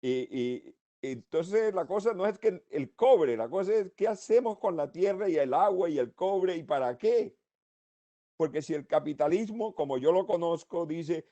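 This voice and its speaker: A man from Colombia speaking, giving his views as a panelist in a seminar discussion in an animated, rambling way. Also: high voice. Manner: animated, rambling, laughs between points.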